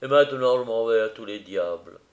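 A man voicing a drunk, overwrought middle-aged man who pleads and mocks in a high, loud, swooping voice. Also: brisk, lightly acted. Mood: agitated.

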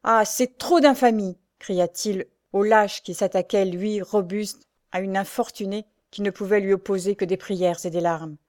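A woman narrating a classic novel for an audiobook. Her reading is measured and expressive, and her voice sits at a middling pitch.

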